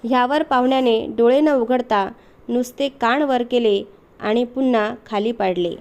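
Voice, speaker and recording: A woman reading a short story aloud as a storyteller, in a steady, expressive storybook manner. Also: on the high side, measured pace, smooth.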